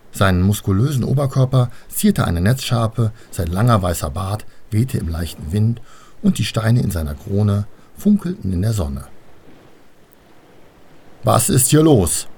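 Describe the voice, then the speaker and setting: Husky, lively male storybook narrator. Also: lowish voice, normal speed. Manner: expressive, lively. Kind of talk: storybook reading for children.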